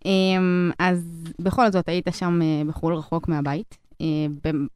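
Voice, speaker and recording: Low-pitched young Israeli woman interviewer. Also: fairly even intonation, darkish tone, clear, resonant tone, no room sound, studio quality. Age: young adult. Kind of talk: casual conversational interview.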